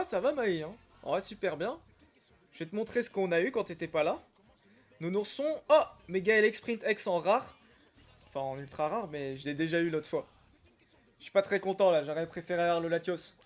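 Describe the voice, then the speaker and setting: A young man chatting casually on a live stream while opening trading card packs, reacting with excitement and greeting viewers by name. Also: fairly high pitch. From Algeria. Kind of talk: casual live-stream chat reading comments.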